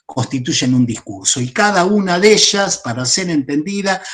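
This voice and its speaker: A man's voice: on the high side, lively intonation, a bit bright. A man giving a class lecture, explaining step by step and often checking in with "¿sí?". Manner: explanatory, asks "¿sí?" often, pauses and restarts. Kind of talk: class lecture on psychoanalytic theory.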